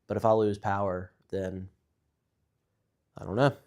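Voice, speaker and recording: A man's voice: lowish voice, level tone, unhurried, a little mellow. A young man co-hosting a casual talk show, easygoing and agreeable, with hesitant ums and uhs. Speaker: podcast co-host. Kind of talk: casual chat.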